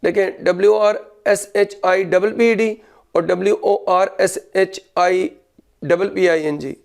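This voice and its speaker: High, clear-voiced male teacher. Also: steady tone. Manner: dictates English rules slowly, then explains briskly in Urdu; spells words out letter by letter. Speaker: English grammar teacher. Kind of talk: grammar lesson, dictating and explaining.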